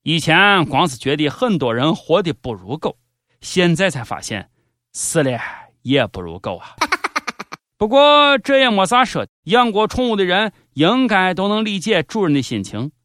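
A male host with a Shaanxi accent delivers comedic scripted news commentary in a sardonic, mock-serious way. His voice is high-pitched and sing-song at a moderate pace, with a fairly bright tone. The studio-quality recording has no echo, with background music under his voice.

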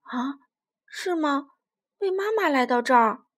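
A woman voicing a big, lonely T-rex who is gruff yet gentle, in a children's storybook. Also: sits high, animated, a little slow, pitched above the performer's own voice.

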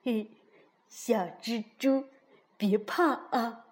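A woman's voice: on the high side, fairly even intonation, very slow. A woman voicing a cheeky male frog who talks in a teasing, playful, sing-song way.

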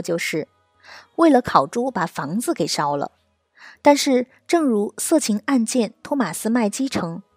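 A woman reading a scripted explainer narration in a steady, measured storytelling delivery. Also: medium pitch, dry recording.

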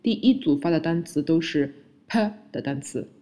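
A woman teaching English pronunciation, modeling words clearly one by one for the listener to repeat. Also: low-pitched, lively intonation, normal speed, dark tone. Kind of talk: slow, deliberate phonics lesson.

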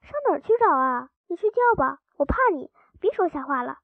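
A woman voicing a timid, gentle young girl in a storybook reading, softly and caringly. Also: sits high, lively intonation, brisk, gravelly, no room sound, phone-quality sound, pitched below the performer's own voice.

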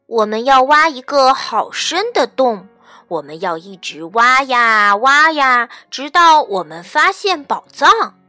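Storybook frog, bossy and sure of himself, voiced by a woman. High, bright and unhurried. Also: big pitch swings, no room sound, faint music behind, heavily acted. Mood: confident. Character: confident young frog, bossy and determined.

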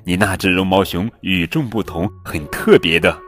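Man voicing a teasing trickster elephant for a picture book; low, easy. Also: normal speed, fairly bright tone, soft background music. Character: playful trickster elephant cousin.

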